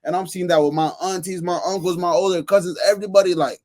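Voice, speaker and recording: A man on a podcast panel, telling excited stories in casual chat, full of restarts and fillers. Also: high voice. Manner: excited, rapid storytelling with many restarts and fillers.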